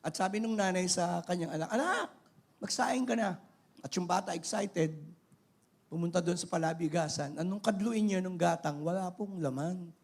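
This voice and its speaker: A middle-aged man with a Filipino accent, preaching a sermon in an animated way, mixing in English phrases. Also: high-pitched, moderate pace. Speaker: pastor.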